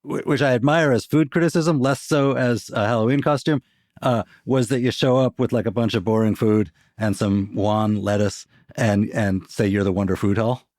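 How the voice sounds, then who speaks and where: Male podcast host with medium-pitched voice. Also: fairly even intonation, normal speed, darkish tone, no room sound, clean studio sound. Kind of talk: casual chat and scripted podcast reads.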